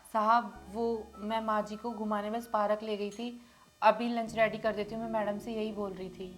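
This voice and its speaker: A woman playing a gentle, caring housemaid who speaks in a polite, soft, respectful way. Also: medium pitch, little pitch movement, normal speed, lightly acted. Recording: background music under voice.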